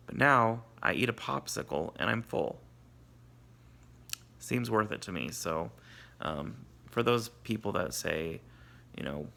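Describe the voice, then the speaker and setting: A man's voice: fairly low pitch, creaky, sharp tone. A man, groggy and sore after surgery, talking in a casual, candid video diary with salty, self-deprecating asides. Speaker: vlogger.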